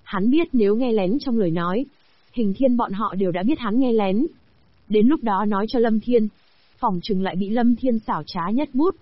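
Synthetic female narrator for a fantasy audiobook; steady machine read, slightly high voice, dry close sound. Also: moderate pace, no room sound, muffled recording.

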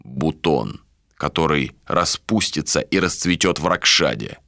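A man reading an audiobook voices a cold, contemptuous male ruler in a low, measured voice. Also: animated, gravelly, sharp tone, dry recording, clean studio sound, full character voice. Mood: cold, commanding.

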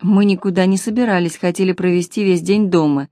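Lady reading a giggly chatterbox woman, rattling on, lowish, dry sound. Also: steady tone, dark tone, dry recording, lightly acted. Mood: chatty. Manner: fast chattering. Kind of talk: audiobook character reading.

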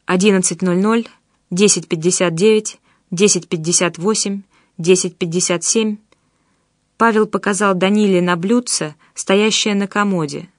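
A woman reads an audiobook in an even, measured way, delivering scripted narration. Her pitch is medium, and the recording is dry with clean studio sound.

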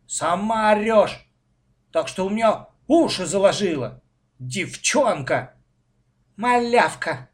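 Man doing a shouting stubborn little boy. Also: extremely high pitch, big pitch swings, measured pace, few pauses, pitched above the performer's own voice, heavily acted. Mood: excited, insistent. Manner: shouting, insistent.

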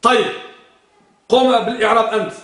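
A man's voice: extremely high pitch, fairly even intonation, brisk, fairly bright tone. A man teaching a grammar class, quizzing his students and repeating their answers. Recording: echoey room, far from the mic.

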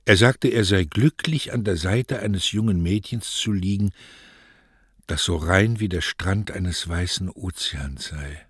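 A man voicing a wistful young woman in love, speaking softly and hushed. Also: sits low, unhurried, breathy edge, no echo, studio quality, heavily acted. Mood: dreamy. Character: dreamy lovestruck young woman.

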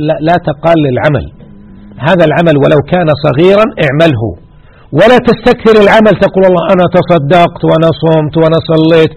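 A man's voice: on the high side, gravelly, darkish tone, slightly rough. A man teaching a religious lesson, exhorting his listeners and repeating key words for emphasis. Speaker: sheikh teaching hadith.

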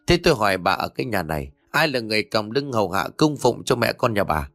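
A man voicing a cruel middle-aged daughter-in-law who scolds harshly and fast, in a lively reading. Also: lowish voice, no echo. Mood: berating.

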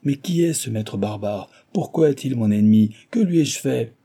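A man's voice: medium pitch, animated, normal speed, mellow, slightly rough. A man voicing an indignant, desperate young Frenchman in an audiobook. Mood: distressed. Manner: outraged, pleading questions.

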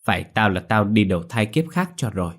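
A man's voice: lowish voice, expressive, brisk, husky. A man voicing a young male exorcist in his thirties, anxious and blunt, in a storybook reading. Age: 30s.

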